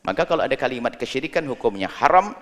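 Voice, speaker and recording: A man preaching a sermon, explaining a religious ruling point by point with animated emphasis. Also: medium pitch, fast talker. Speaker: Islamic preacher. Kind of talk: sermon answering a question. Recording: long hall reverb.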